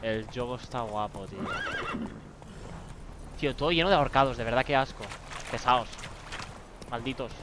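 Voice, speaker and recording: A man's voice: mid-range voice, moderate pace, pauses often, noisy background. A young man with a Spain accent, giving slangy, jokey commentary while playing a game. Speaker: streamer. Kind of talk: casual let's play commentary. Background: game music.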